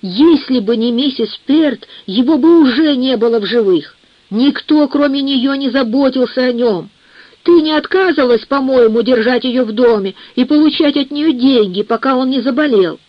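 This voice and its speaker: A woman voicing a sharp-tongued, indignant grown daughter who speaks fiercely, in a dull, dry recording. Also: high-pitched, normal speed, dry recording, voice pushed up.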